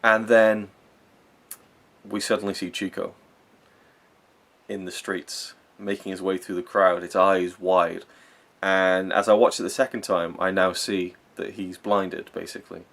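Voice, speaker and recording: A man's voice: sits low, flat delivery, a little slow, vocal fry, a bit bright. A young man giving a casual, rambling, earnest film review, swearing now and then and getting openly emotional.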